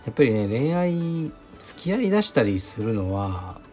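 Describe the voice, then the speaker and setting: A man's voice: mid-range voice, very animated, moderate pace, mellow, soft background music. A middle-aged man from Fukuoka, hosting a casual advice monologue in a frank, musing, self-deprecating way, thinking aloud with fillers. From Fukuoka, Japan. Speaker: podcast host answering a listener.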